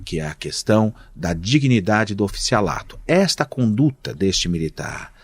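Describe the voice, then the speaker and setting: Low, husky Brazilian reporter making his case. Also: sing-song, no echo. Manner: measured, argumentative, rhetorical questions. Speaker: guest reporter. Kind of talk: podcast interview analysis.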